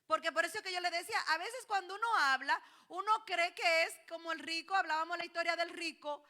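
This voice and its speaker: A woman pastor delivers a sermon in a high, bright voice. Her preaching is animated, building to loud exclamations, and she quotes her congregants back to them in dialogue. Her tone stays sharp and clear throughout. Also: brisk.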